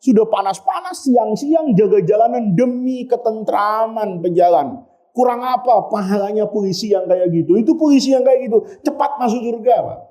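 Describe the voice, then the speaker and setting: A man's voice: sits high, expressive, normal speed, warm tone. A man teaching a study circle in a mosque. He jokes, asks the audience questions and answers them himself. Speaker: religious teacher.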